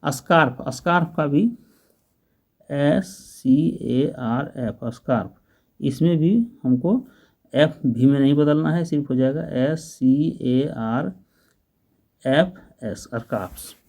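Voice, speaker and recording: Patient male tutor, unhurried spelled-out grammar lesson, soft mellow tone. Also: mid-range voice. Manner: patient, spells letters slowly and asks the class questions. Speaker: teacher.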